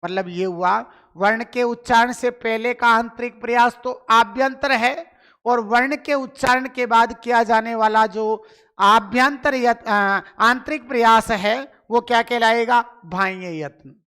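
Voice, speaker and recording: Guy teaching a live online class, super slow, keeps asking then answering his own questions. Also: very high-pitched, steady tone, pushed and bright, clean tone. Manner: asks questions and answers them himself, with lots of repetition; keeps urging listeners to reply in chat. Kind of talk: live online grammar lesson.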